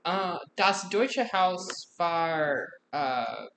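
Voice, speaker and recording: Hesitant nineteen-year-old from Alabama. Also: male voice, high-pitched, expressive, creaky, fairly bright tone, reverberant, a little hiss or hum. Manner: hesitant, halting, many fillers. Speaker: podcast guest. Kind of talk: casual interview answers.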